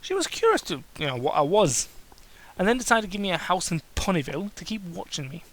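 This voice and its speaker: Very animated and fast-talking, this medium-pitched host turns amateur fiction into a mocking, exasperated dramatic reading. They stumble through the text and stop for sarcastic remarks, all on poor audio.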